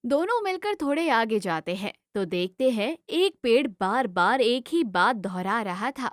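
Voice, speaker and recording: A woman narrating a cartoon moral story in an even storytelling delivery. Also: fairly high pitch, unhurried, dry recording, clean studio sound.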